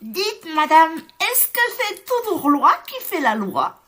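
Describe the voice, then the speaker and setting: A woman reading a storybook aloud, voicing a small, outspoken young chick with a high child-like voice. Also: sing-song, slow pace, a bit bright, heavily acted. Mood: curious. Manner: bold questioning, then upset pleading.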